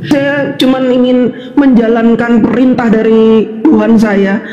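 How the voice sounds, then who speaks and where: A woman's voice: on the high side, steady tone, unhurried, dark tone, dull audio. An older woman in a casual, combative monologue, firing indignant rhetorical questions and laughing mockingly as she rants. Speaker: livestream commentator. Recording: echoey room with long reverb.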